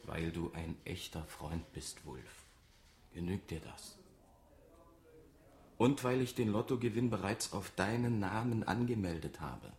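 In a radio drama, a man plays a scheming, insistent office auditor hiding a lottery win, coaxing and pressing persuasively in a conspiratorial tone. His voice is low, gravelly, darkish, expressive, and unhurried, a full character performance. The recording has a roomy echo and faint noise.

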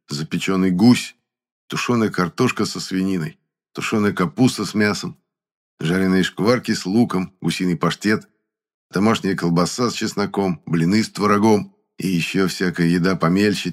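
A man reading a novel aloud as audiobook narration in a steady, measured way. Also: low voice. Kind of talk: scripted narration.

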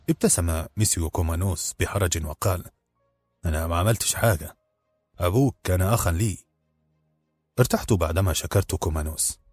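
Low husky narrator. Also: male voice, darkish tone. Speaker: audiobook narrator. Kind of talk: scripted first-person story narration.

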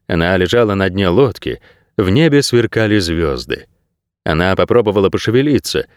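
Expressive male audiobook narrator. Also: low-pitched, normal speed, dry recording, clean studio sound. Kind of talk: scripted narration.

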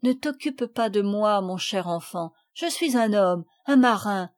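A woman voicing a sea-captain father in an audiobook, speaking in a calm, measured, firm way. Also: medium pitch, close to an everyday voice.

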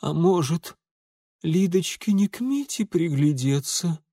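A man's voice: on the high side, animated, measured pace, warm tone, slightly rough, no echo, clean studio sound, voice pushed up, heavily acted. A man voicing a fainting noble mother who speaks plaintively in a feeble, dying voice.

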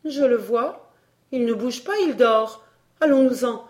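A woman's voice: on the high side, a little slow, darkish tone, lightly acted. A timid young apprentice boy, anxious and hesitant, as a woman reader voices him. His lines come unsure and nervous. He sounds out of his depth. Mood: frightened.

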